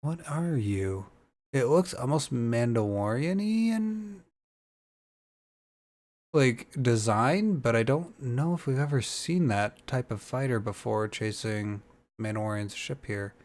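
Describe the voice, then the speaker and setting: A man's voice: medium pitch, lively intonation, a little slow, a little mellow. A young man giving a casual, rambling reaction commentary, hesitant and full of fillers. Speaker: YouTuber reacting to a trailer.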